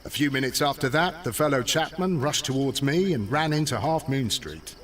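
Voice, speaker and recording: An actor playing a dutiful London police constable in a video game, official and matter-of-fact. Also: male voice, medium pitch, lively intonation, moderate pace, a bit bright, recorded from a distance, slight background noise, natural voice.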